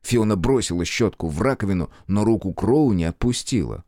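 A man reads an audiobook in a very low voice with wide, lively intonation. His delivery is measured and expressive. The recording is dry and close. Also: no echo. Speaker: audiobook narrator. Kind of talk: scripted narration.

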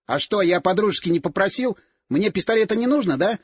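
A man's voice: high voice, expressive, fairly quick, breathy edge, no room sound, studio quality, voice pushed up. A man voicing an indignant young man nicknamed Rat, sputtering with outrage in an audiobook.

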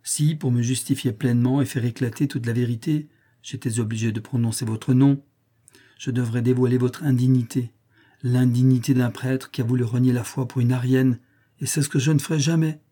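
A dignified young woman who answers with proud, steady calm, as a man reads her part. The reading keeps a dark, mellow and slightly husky tone, like a storybook narrator lending her his voice. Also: mid-range voice, a little fast, close to an everyday voice. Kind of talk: audiobook character reading.

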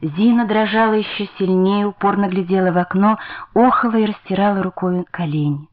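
A woman's voice: mid-range voice, brisk. Woman narrating on muffled radio. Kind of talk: dramatic audiobook reading.

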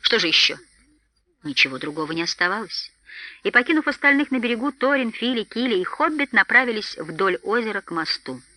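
Bright, animated woman narrating a fairy tale. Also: a little high, a little fast, dry recording. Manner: expressive storytelling. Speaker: audiobook narrator. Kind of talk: scripted narration.

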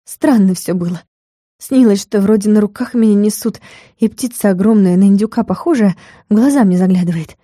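A woman narrating a first-person fantasy audiobook in a lively, expressive storytelling manner. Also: medium pitch, fairly quick, no echo, studio quality.

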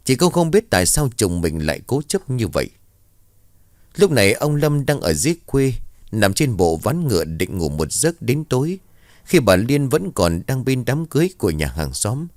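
A man narrating a scripted ghost story in a steady storytelling voice. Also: lowish voice, normal speed, no room sound, clean studio sound.

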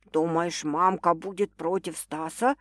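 A woman's voice: lowish voice, fairly even intonation, a little slow, fairly bright tone, no echo, studio quality. A woman voicing a blunt, skeptical older sister who talks in brash slang in an audiobook.

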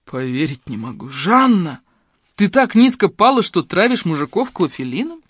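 Steely menacing middle-aged man, voiced by a male reader, low and cold, audiobook, dry sound. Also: fairly quick, no room sound, lightly acted. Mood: cold anger. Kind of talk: audiobook character reading.

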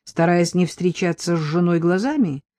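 Woman, audiobook narrator, measured expressive reading, low-ish pitch, dry sound. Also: no room sound. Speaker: audiobook reader. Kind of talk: scripted narration.

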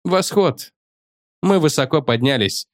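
A rocket commander barking short orders and holding his voice steady, as a male narrator plays him. the voice sits a little higher than a plain narration, and the sound is dry and close. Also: a little slow, no echo. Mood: commanding. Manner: clipped orders, forced calm. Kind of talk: audiobook character voice.

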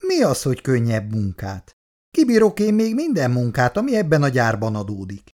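A gruff, proud old factory worker bristles and grumbles, read by a man. His pitch swings widely. It is a storybook reading. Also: wildly swooping pitch, darkish tone. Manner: gruff and indignant. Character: elderly male factory worker, proud and stubborn. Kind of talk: reading a novel aloud.

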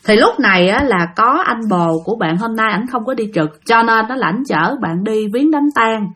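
A woman with a Southern Vietnamese accent tells a ghost story in a lively, swooping voice. She speaks a little high and often turns to address her listeners directly. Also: normal speed.

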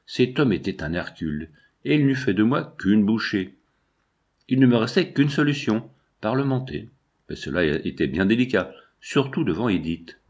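A man reading a novel aloud as a first-person audiobook narrator, in a measured storytelling delivery. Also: fairly low pitch, slightly rough.

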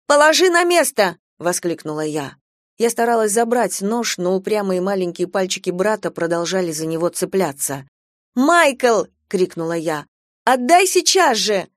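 A woman's voice: fairly low pitch, moderate pace, a little mellow, dry recording, studio quality, natural voice. A woman voicing a defiant eleven-year-old girl with a pleading, indignant manner. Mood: frantic.

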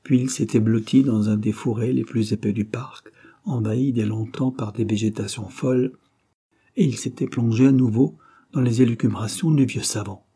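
A man narrating an audiobook of a classic novel in a measured, literary way. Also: medium pitch, fairly even intonation, warm tone, breathy edge.

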